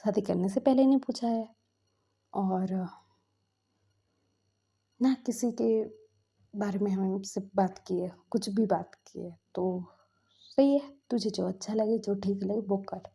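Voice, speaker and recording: A woman voicing a middle-aged mother who scolds and sulks at her grown son, bossy yet doting. Her voice sounds dark and husky, with a gravelly crackle. It reads as a spoken storybook character. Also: mid-range voice, slow pace, pauses often, exaggerated voice. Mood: hurt.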